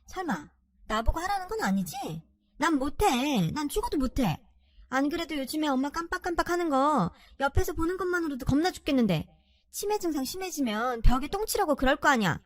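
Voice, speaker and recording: A woman's voice: high voice, very animated, a little fast, no room sound. A woman voicing a selfish, spoiled older sister who whines and refuses responsibility. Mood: whiny.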